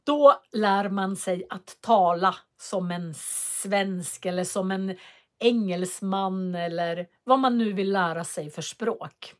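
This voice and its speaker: A woman teaching Swedish in a live online lesson, speaking slowly and clearly and repeating phrases for learners to copy. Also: mid-range voice. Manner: walks viewers through web links on screen.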